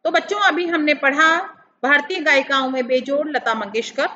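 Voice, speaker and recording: A woman teacher explaining grammar to children, talking them slowly through examples. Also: high voice, sharp tone. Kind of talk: classroom lesson explanation. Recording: dull lo-fi sound with faint background noise.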